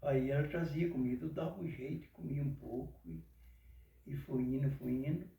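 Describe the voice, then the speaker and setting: A man's voice: on the high side, steady tone, moderate pace, creaky, dark tone. An older man telling his story in casual talk, devout and folksy in his exclamations. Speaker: interviewee. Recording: echoey room from far off.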